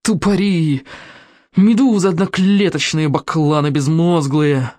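A woman voicing a proud, rude male hero who hisses his words in a loud whisper, in an audiobook. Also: on the high side, very fast, dry recording, studio quality, pitched above the performer's own voice, close to an everyday voice. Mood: scornful. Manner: loud hissing whisper, insulting. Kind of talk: audiobook character voice.

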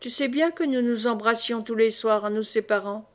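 A woman reading a novel aloud, voicing a tender, anxious young man in love in a soft, murmured tone. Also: a little high, normal speed, natural voice. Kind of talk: audiobook character voice.

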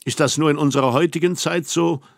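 A man's voice: a little high, fairly even intonation, brisk, vocal fry, no room sound, studio quality, pitched above the performer's own voice. A man reading the part of a lonely, troubled middle-aged man in an audiobook, asking searching questions in a tender way. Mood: tender questioning.

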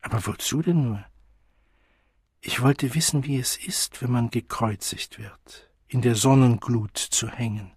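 A lonely, earnest young outcast, wounded and searching, read by a man in an audiobook. He speaks slowly and confidingly in a husky voice. The sound is dry and close. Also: mid-range voice, darkish tone, no room sound. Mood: hushed.

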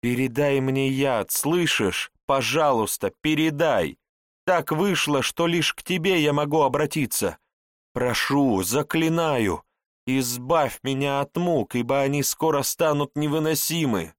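A man's voice: medium pitch, animated, measured pace, no room sound, studio quality, natural voice. A man voicing a tormented young witch woman who begs desperately for help, read in an audiobook. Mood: desperate pleading. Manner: desperate, begging.

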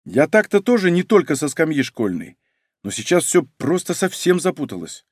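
A man's voice: fairly high pitch, very animated, normal speed, darkish tone, husky, no echo, studio quality, pitched above the performer's own voice. A man reading aloud, voicing a young male detective who complains and grumbles. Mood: complaining.

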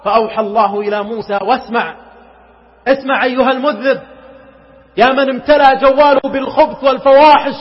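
Fast-talking and slightly rough, with an extremely high pitch but fairly even intonation, a preacher dramatically recounts a story in an emotional sermon. He builds to passionate pleading and sometimes chants verses melodically, all captured on a muffled recording with long hall reverb.

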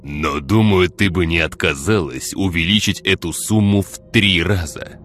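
A man voicing a calculating gang boss who speaks in a slow, measured, menacing drawl. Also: deep voice, fairly bright tone, faint music behind. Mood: cold.

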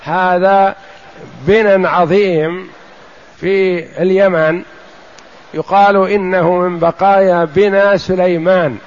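High-voiced man teaching, lo-fi sound. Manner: explains slowly, repeats phrases and says "yes" to cue the reader. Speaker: sheikh explaining a text. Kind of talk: religious lesson commentary. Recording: dull lo-fi recording.

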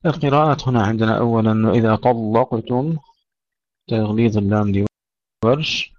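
Give me a man teaching Quran recitation in a dry, close recording, reciting slowly, then explaining briskly. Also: lowish voice, darkish tone, dry recording. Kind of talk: tajweed lesson. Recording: dull lo-fi, dry sound.

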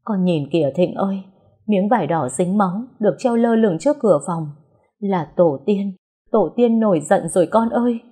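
A woman's voice: on the low side, normal speed, mellow, breathy edge. A woman voicing a frightened, superstitious old mistress of a rich household. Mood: alarmed. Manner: panicky, superstitious.

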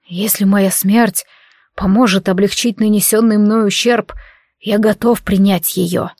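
A woman voicing a frightened, frail man who speaks slowly and hoarsely in humble resignation. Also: medium pitch, fairly even intonation, a little mellow, no room sound, clean studio sound. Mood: resigned. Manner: slow, hoarse, submissive.

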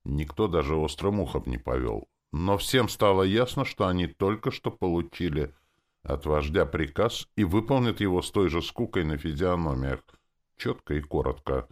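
A man's voice: low-pitched, expressive, moderate pace. A man narrating a fantasy audiobook in first person with a wry, crude inner voice.

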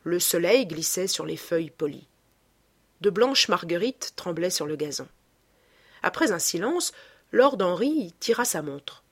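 A woman narrating a classic novel as an audiobook reader, calm and descriptive. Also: fairly low pitch, measured pace, breathy edge, dry recording.

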